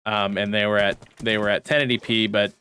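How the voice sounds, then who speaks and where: A man's voice: lowish voice, little pitch movement, fairly quick, bright, forceful tone, clean tone. A young American man in his mid-twenties, casually explaining and rambling while gaming. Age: 20s. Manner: laid-back, explanatory, rambling. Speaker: gaming channel co-host. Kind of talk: casual gameplay chat.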